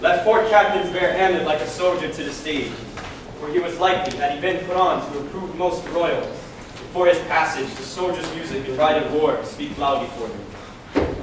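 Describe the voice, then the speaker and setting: A man's voice: fairly high pitch, normal speed, lightly acted. A man playing a commanding young prince claiming a kingdom in amateur stage Shakespeare. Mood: formal, commanding. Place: school theater stage, recorded from audience. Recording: distant, echoey hall recording, clear noise.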